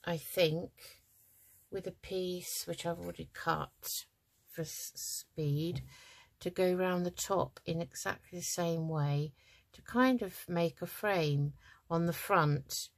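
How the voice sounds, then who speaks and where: A woman's voice: lowish voice, steady tone, slow, creaky. A middle-aged woman hosting a craft channel, talking casually and hesitantly through her project with many ums, tired and yawning. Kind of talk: casual crafting tutorial chat.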